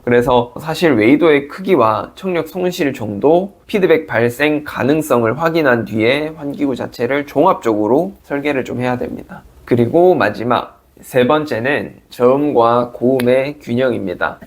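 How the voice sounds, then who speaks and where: Male audiologist, mid-pitched, calm polite explainer, video lesson. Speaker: audiologist and hearing center director.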